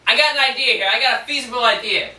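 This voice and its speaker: A young man in an amateur scene playing an eager younger brother who excitedly pitches a business scheme, recorded on a distant camera mic. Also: fast, full character voice. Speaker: student actor. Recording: roomy, distant camera mic, faint hiss.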